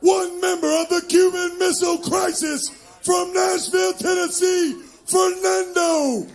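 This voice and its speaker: Booming high drawn-out ring announcer. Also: male voice, little pitch movement, shouting, faint music behind. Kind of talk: boxing ring introductions. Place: music venue boxing ring.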